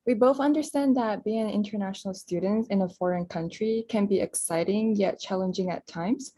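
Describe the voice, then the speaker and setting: A woman's voice: medium pitch, mellow, no echo. A young woman from Malaysia co-hosting a student podcast, asking questions and chatting casually. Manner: friendly, frequent mm-hmm backchannels. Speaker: podcast co-host.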